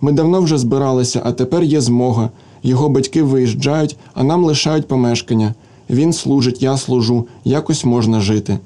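A man reading a story aloud, voicing a plain, quiet young woman typist who speaks timidly and awkwardly. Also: medium pitch, moderate pace, close to an everyday voice. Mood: shy.

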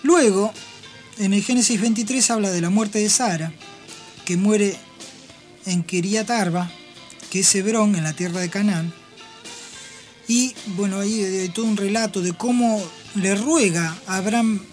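A woman hosting a radio program, retelling Bible passages in an explanatory, storytelling way with pauses and restarts. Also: medium pitch, a little mellow, soft background music. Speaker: radio host. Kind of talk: radio talk on Bible stories.

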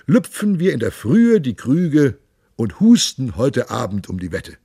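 A man's voice: wildly swooping pitch, unhurried, gravelly, slightly rough, no room sound, studio quality, heavily acted. A man doing a boisterous, bawdy drinking monk. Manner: loud, hearty, high-pitched boisterous delivery. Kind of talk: audiobook character voice.

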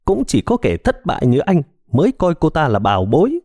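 A man's voice: on the high side, wildly swooping pitch, brisk, darkish tone, no echo, clean studio sound, voice pushed up, full character voice. A man voicing a spiteful, mocking female alter ego who sneers and taunts, in a storybook reading. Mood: sneering.

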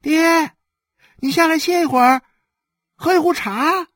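A man voicing a stubborn yet devoted young boy who calls out loudly and quickly, well above his own pitch. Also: sing-song, husky, no room sound, studio quality, heavily acted. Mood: eager.

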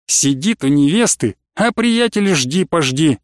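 Male audiobook reader, measured, fairly high voice, dry close recording. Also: animated, no room sound. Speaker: audiobook narrator. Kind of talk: scripted narration.

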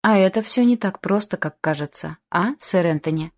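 A woman's voice: medium pitch, moderate pace, natural voice. A woman voicing a cheerful, boyish older uncle who talks with playful enthusiasm, in an audiobook.

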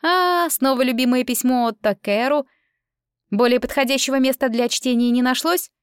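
A nosy, mocking teenage sister, put on by a woman reading a story, her voice pitched up high and bright as she teases. The sound is close and dry, with no room around it. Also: moderate pace, smooth, no room sound, natural voice. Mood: teasing. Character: teasing teenage girl, younger sister.

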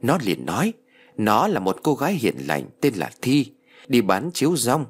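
A man voicing a kindly, wise old sorcerer in a read-aloud ghost story, speaking slowly and gently with a husky voice. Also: medium pitch, big pitch swings. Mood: solemn. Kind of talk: storybook reading.

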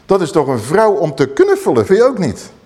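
A man preaching a sermon, animated, swinging between loud exclamations and low emphatic asides. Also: a little fast.

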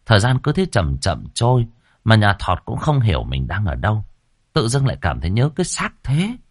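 A man narrating a ghost story as an audiobook, expressive and lively. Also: mid-range voice, no echo, studio quality.

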